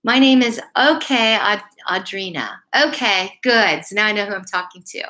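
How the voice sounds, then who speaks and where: At a normal speed and with a sharp, medium-pitched voice, a middle-aged or older woman speaks directly and encouragingly to young children. Likely a school principal or staff storyteller, she mixes casual live chat with a bedtime story read-aloud.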